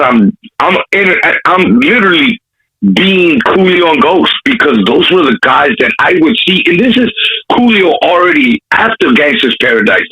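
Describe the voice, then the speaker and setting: A rapper from Compton, California, tells animated stories in a casual interview, his urban Los Angeles accent full of street slang and constant swearing. His voice sits high and is creaky, sharp, and husky, on a rough recording.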